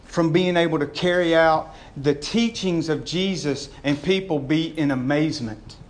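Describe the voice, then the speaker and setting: A man's voice: fairly high pitch, moderate pace. A man preaching an informal, conversational sermon, folksy in his wording and often putting questions to his listeners. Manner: folksy, addresses listeners as gang, boys and y'all.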